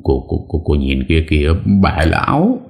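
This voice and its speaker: A man's voice: extremely low pitch, normal speed. Man playing a frightened stammering hotel worker. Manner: stammering, pleading. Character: young male hotel worker, frightened and hurt.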